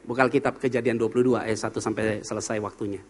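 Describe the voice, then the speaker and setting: Frank, lively male pastor preaching. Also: fairly low pitch, fast talker. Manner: lively, quizzes the congregation; frank, humorous storytelling. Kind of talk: sermon. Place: church service.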